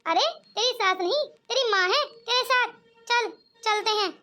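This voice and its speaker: A woman's voice: extremely high pitch, normal speed, sharp tone. A woman voicing a bossy old mother-in-law. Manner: scolding, then soothing. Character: bossy elderly mother-in-law, doting grandmother. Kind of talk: cartoon comedy voice acting.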